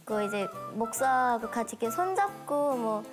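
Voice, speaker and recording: High-pitched, blunt woman. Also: animated, normal speed. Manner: blunt, frank. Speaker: talk show guest. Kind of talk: casual studio talk. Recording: music behind the voice.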